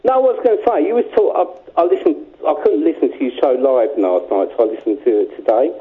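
A man's voice: on the high side, expressive, quick pace. A man calling in to a radio show over a speakerphone line, cheeky and jokey, chuckling often as he chats. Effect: heard over a speakerphone line. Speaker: caller. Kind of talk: casual chat on a call-in radio show. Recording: tinny phone line.

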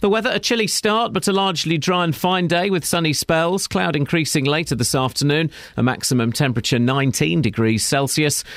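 A man's voice: a little high, a little fast, hardly any pauses, fairly bright tone, no room sound, clean studio sound. A man with a British accent reading a scripted radio news bulletin. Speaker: radio newsreader. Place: radio studio.

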